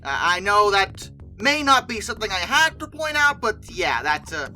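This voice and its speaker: The host's voice is very bright and forceful, mid-to-high, with animated pitch swings, and moves at a moderate pace over background music. It's easygoing, emphatic commentary on film dinosaurs, hesitant and rambling, with plenty of self-correction.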